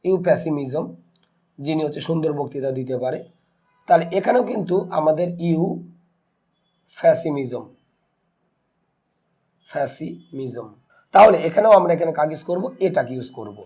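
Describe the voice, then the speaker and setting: Man, teacher, grammar lesson, mellow tone, slightly high pitch, asks and answers himself. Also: lively intonation, breathy edge. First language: Bengali. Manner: slow deliberate spelling and pronouncing of words. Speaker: English teacher.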